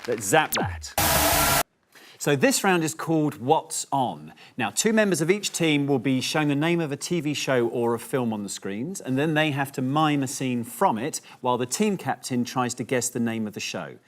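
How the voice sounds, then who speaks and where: A man's voice: mid-range voice, expressive, moderate pace, some chatter behind. A man hosting a comedy panel show, reading out scores and rules with a dry, sarcastic, teasing manner. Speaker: host.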